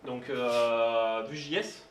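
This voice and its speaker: A man presents a technical talk to a live meetup audience, pausing often and filling gaps as he goes. He is heard from a distance in a roomy space, with a faint hiss underneath. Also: medium pitch, fairly even intonation. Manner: hesitant, many fillers, informal asides. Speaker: meetup speaker. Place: meetup room. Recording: roomy sound, distant mic, faint noise.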